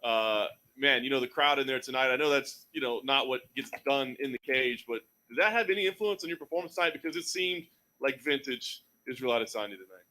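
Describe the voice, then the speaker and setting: A man's voice: mid-range voice, a little fast, pushed and bright. A man asking a fighter questions at a post-fight press conference, friendly and conversational. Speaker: interviewer.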